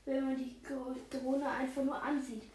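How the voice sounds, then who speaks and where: A woman's voice: high voice, flat delivery, normal speed, darkish tone, very echoey, recorded from a distance, lightly acted. Woman reading a know-it-all duck professor. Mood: lecturing.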